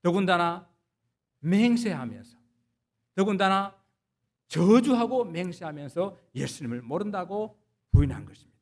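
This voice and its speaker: A man's voice: high-pitched, lively intonation, normal speed, pauses often. A man, a pastor, preaching a Sunday sermon, retelling scripture stories and asking the congregation rhetorical questions.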